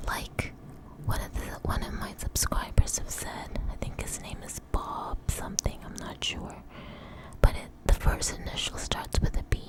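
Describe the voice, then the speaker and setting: Slow, tingly ASMR close whisper from a woman. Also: poor audio. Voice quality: breathy whisper with soft mouth sounds. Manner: slow, unstructured, reassuring. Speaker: ASMR video host. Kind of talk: ASMR close whisper, rambling personal talk. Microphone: very close to the mic.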